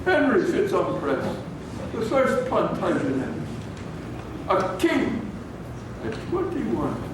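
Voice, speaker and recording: A man's voice: sits high, wildly swooping pitch, slow pace, full character voice. King Henry, as a man acts him, aging and grandiose. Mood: wistful, proud. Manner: declamatory, theatrical. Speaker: stage actor. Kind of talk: theatrical monologue on stage. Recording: echoey hall from far off, noisy.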